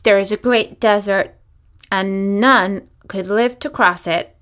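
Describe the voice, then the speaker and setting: A woman's voice: medium pitch, slow pace, fairly bright tone, smooth. Woman reading as a grave little Munchkin.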